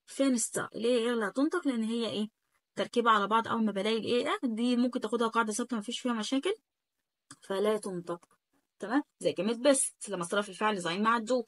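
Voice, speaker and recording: A woman with an Egyptian Arabic accent teaching a German lesson in a chatty way, slowly repeating each word and checking "okay?" after every point. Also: a little high, no room sound. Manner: drills words slowly, repeating them again and again. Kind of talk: casual spoken lesson.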